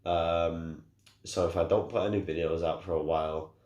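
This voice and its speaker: A young man with a very deep voice, hoarse and cracking from a sore throat. He rambles casually, restarting sentences and apologizing as he goes. The sound is echoey, like a bare room. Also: fairly even intonation, normal speed, a little mellow, dull audio. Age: young adult. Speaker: gaming YouTuber.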